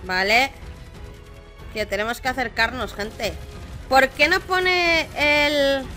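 A young Spanish woman with a bright, sharp voice pitched a little high runs through patch notes and then reacts to her own match. She talks in a chatty, excitable way, piling up quick fillers. Light music plays underneath. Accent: Spain Spanish. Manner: chatty, excitable, many repeated fillers like vale. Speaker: gaming streamer. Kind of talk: patch notes review and live gameplay commentary.

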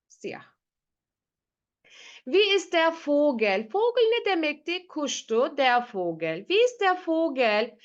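A woman teaching a language class, patiently repeating words and drilling pronunciation in an online lesson. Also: a little high. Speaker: German teacher. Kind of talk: slow teaching with repetition.

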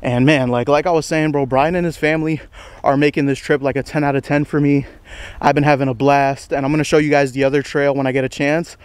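A young man in his twenties rambles through a casual vlog while hiking a wooded trail, full of slang and a touch out of breath. His voice sits a bit high for a man. The sound is close and dry, with little room around it. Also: little pitch movement, fast, smooth, no room sound. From United States. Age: 20s. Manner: rambling, slangy, self-deprecating, says bro a lot. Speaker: vlogger. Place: outdoors on a wooded estate trail.

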